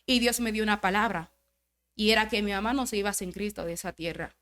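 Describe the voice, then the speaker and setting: A woman's voice: medium pitch, quick pace, a bit bright. A woman, a podcast guest, tells an emotional religious testimony, acting out quoted dialogue and repeating phrases for emphasis. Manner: storytelling, acts out quoted dialogue.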